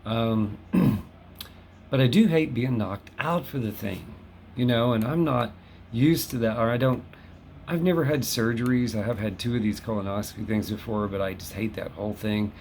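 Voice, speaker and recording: Medium-pitched and a little mellow, the fifty-something Los Angeles host moves at a moderate pace through his casual to-camera monologue. He's chatty and wry, poking fun at himself in his West Hollywood home, while a little hiss or hum sits in the audio.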